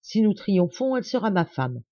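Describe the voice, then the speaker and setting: A woman voicing a resolute young man who speaks firmly and gravely. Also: mid-range voice, sing-song, normal speed, warm tone, no echo, lo-fi sound, pitched above the performer's own voice. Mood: cold resolve. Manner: firm and grave.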